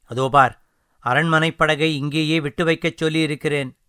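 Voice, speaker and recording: A man's voice: on the high side, fairly even intonation, normal speed, pushed and bright, clean tone, dry recording, studio quality. A man voicing an older emperor who gives firm, kindly orders to a boatman, in an audiobook reading. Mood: commanding.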